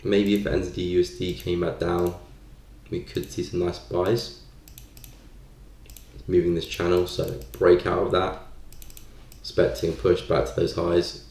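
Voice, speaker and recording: Pausing often, this live stream trading host thinks aloud hesitantly through casual market commentary. His low, creaky, darkish voice is completely flat and measured, captured in a roomy, echoey space.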